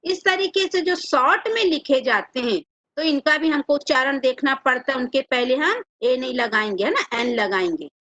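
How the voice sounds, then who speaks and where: A woman's voice: high-pitched, expressive, normal speed, a bit bright, no room sound. A woman teacher with a Hindi accent, explaining grammar to children and answering her own questions. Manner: asks rhetorical questions to the children and answers them herself. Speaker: English teacher. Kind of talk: classroom lesson explaining grammar.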